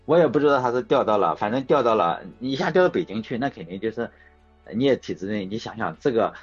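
A husky, fairly low male voice with lively intonation and a quick pace hosts a casual chat show. He rambles through anecdotes and corrects himself along the way. The lo-fi recording sounds dull, with faint music underneath.

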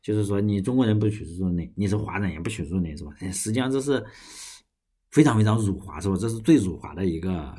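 A man's voice: lowish voice, expressive, fast, dark tone, breathy edge. A young Chinese man talking casually and at length on his own podcast, rambling with restarts and the odd curse. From China. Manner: rambling, frequent restarts and swearing. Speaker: podcast host. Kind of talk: casual solo podcast monologue.

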